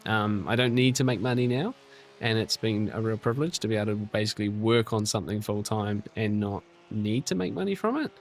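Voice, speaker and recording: A man's voice: fairly low pitch, fairly quick, slight background noise. Chatty New man streaming. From New Zealand. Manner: relaxed and chatty, with frequent restarts and fillers while reading chat aloud; friendly, encouraging teammate. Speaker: live-stream host. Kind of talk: casual live-stream chat over sim racing.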